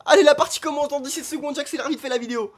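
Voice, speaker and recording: Male casino streamer, excitable and chatty, casual commentary aimed at viewers. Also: very high voice, very fast. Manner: excitable, talks straight to viewers.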